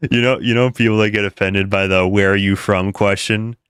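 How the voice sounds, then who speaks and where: A man's voice: fairly low pitch, steady tone, normal speed, fairly bright tone, smooth, dry recording, clean studio sound. A young man rambling through casual livestream commentary, laughing often and restarting his sentences. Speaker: commentary streamer.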